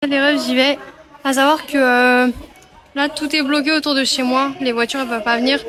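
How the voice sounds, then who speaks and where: A woman's voice: high-pitched, fairly even intonation, brisk, fairly bright tone, soft background music. A young woman from France, a student, chatting casually to her viewers in a vlog, hesitant with many fillers. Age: young adult. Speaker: student vlogger.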